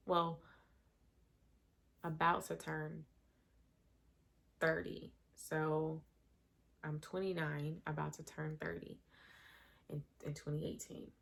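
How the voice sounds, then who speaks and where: Woman, thirties, deep voice with vocal fry, candid emotional storytime. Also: steady tone, slow, long pauses. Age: 30s. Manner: candid, emotional, conversational retelling. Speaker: vlogger. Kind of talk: personal storytime.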